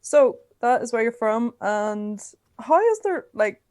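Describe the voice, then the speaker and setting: Chatty higher-voiced woman interviewer. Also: animated, slow pace, a little mellow, dry recording. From Northern Ireland. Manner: chatty, rambling, asks lots of questions. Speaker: podcast co-host interviewer. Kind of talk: casual chat interview.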